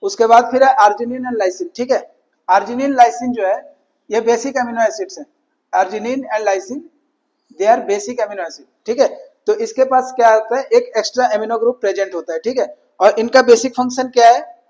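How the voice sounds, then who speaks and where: A man's voice: very high-pitched, moderate pace, a little mellow, low-quality recording. A man giving an exam-prep lecture, switching between Hindi and English, asking questions and answering them himself. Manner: mixes Hindi and English, repeats "ठीक है" often. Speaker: teacher.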